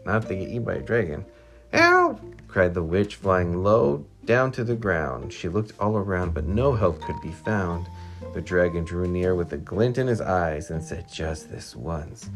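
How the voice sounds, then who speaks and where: A woman reading a rhyming picture book aloud to a child at home, with lively storytelling. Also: extremely low pitch. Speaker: reader to a child. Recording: music playing behind.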